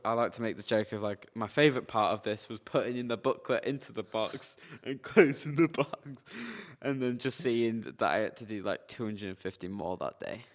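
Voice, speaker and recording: A man's voice: on the low side, brisk, few pauses. A young man rambling through a casual podcast story, full of fillers and slang. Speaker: podcast co-host. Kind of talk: casual chat.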